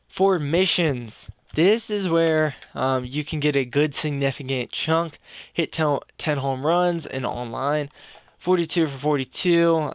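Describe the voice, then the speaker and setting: Captured in clean studio sound without any room tone, a young man with a smooth, somewhat high voice rambles casually over a video game as a YouTuber. He frequently restarts and self-corrects, a little short of breath.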